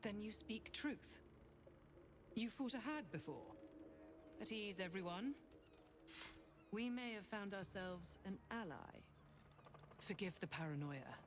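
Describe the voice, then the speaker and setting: A devout female cleric from a fantasy video game, fervent and protective. She declaims in an earnest, heroic manner at a measured pace. Her middle-pitched voice sits over faint background noise. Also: animated. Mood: solemn, earnest.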